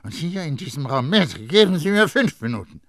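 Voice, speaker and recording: A man voicing a strange, spider-like young man who speaks in a croaky, pressed voice, in an audiobook. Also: a little high, big pitch swings, brisk, no room sound, studio quality, pitched above the performer's own voice. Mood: insistent. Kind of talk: audiobook character voice.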